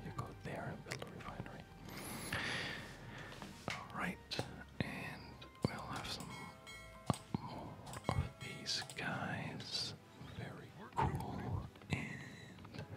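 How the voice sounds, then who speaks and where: This is soft ASMR narration from a player commenting on their own video game session, delivered as a breathy, mostly voiceless whisper in short, faltering phrases.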